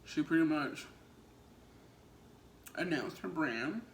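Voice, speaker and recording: A woman with a gravelly, fry-laden voice talks casually to her viewers as a mukbang vlogger. Her delivery rambles conversationally, and the room rings with noticeable echo over faint background noise. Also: sits low, lively intonation, takes it slowly. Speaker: vlogger and small business owner.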